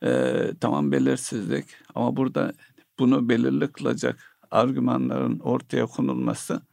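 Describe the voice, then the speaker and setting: A man giving economic commentary in a hesitant, analytical way, pausing often with filler sounds. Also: medium pitch, very animated, creaky, darkish tone, no room sound, studio quality. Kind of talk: analytical discussion.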